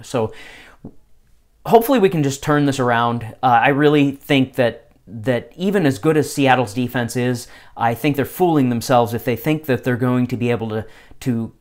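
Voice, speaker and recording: Halting man giving casual halftime sports commentary. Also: mid-range voice. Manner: halting, thinking aloud, informal. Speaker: host of a fan halftime show.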